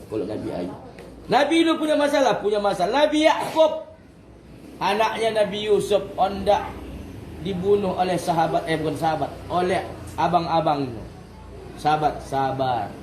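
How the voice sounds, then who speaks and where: A man leads a religious study circle for women, telling stories with a chuckle and often correcting himself mid-sentence. His voice sits high, and it rings around an echoey room. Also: a little mellow, slight background noise. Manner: jokey, chuckling storyteller. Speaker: religious teacher.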